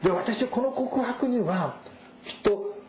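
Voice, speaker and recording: A male pastor preaching a sermon, reading scripture verses and explaining them at a measured pace. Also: extremely high pitch, lively intonation, darkish tone, a little hiss or hum. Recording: roomy echo, dull sound.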